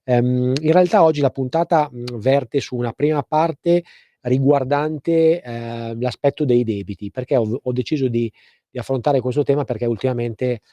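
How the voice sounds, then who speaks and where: A man hosting a live call-in radio show, explaining things informally with hesitant, pause-filled phrasing. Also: mid-range voice, warm tone, dry recording. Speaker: radio host and legal advice presenter.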